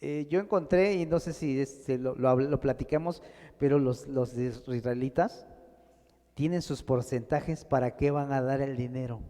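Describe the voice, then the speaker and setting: A man's voice: medium pitch, moderate pace, warm tone, long reverb tail. A man preaching a sermon in a church, speaking to the congregation as brothers with rising and falling emphasis. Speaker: pastor.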